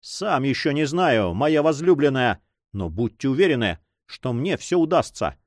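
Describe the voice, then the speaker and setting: A man's voice: mid-range voice, very animated, normal speed, no room sound, clean studio sound, natural voice. Man reading as an earnest young lover. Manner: earnest, reassuring, insistent.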